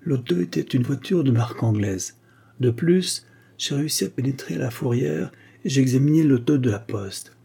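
A man's voice: mid-range voice, expressive, normal speed, vocal fry, mellow, breathy edge. A man voicing a methodical American detective who reports findings in a matter-of-fact way.

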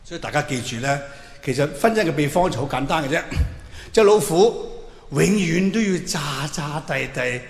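A stand-up comedian with a fairly high, animated voice delivers his monologue at a normal speed, playing it up theatrically with mock-earnest advice. The hall is echoey with a long reverb, and noise is clearly audible.

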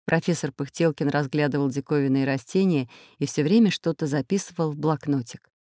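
A narrator reading a children's storybook aloud in a steady, expressive way. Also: medium pitch, fairly quick, dry recording, clean studio sound. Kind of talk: audiobook narration.

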